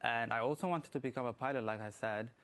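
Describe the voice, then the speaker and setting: A young man who grew up in Ethiopia, a student guest in a morning TV interview, speaking haltingly with many fillers. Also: medium pitch, a bit bright. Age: young adult. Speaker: guest, student app developer.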